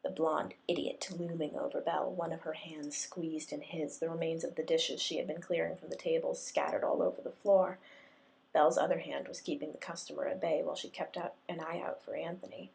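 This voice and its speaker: Low, gravelly woman reading a story aloud. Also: flat delivery, a little fast, a little mellow, low-quality recording. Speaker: reader. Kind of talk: reading fan fiction aloud.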